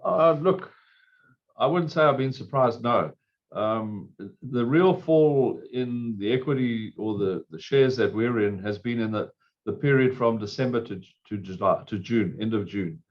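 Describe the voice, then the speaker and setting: A hoarse man, a fund manager, answering interview questions in a measured, explanatory way. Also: mid-range voice, dull audio.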